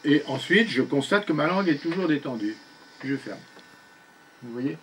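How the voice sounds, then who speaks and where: A man's voice: on the high side, animated, moderate pace, fairly bright tone, slight background noise, poor audio. An older man leading a one-on-one speech therapy session, patiently giving short commands and checking that his pupil follows. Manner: patient, gives short spoken commands, often asks "you see?".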